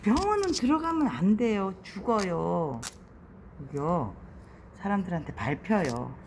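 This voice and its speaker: A woman's voice: lowish voice, sing-song, unhurried, a little mellow. A woman vlogging outdoors, coaxing and scolding a beetle to walk away, recorded on a handheld phone with noise behind her. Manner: exasperated, coaxing, talking to an insect. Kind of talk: casual vlog talk to a beetle.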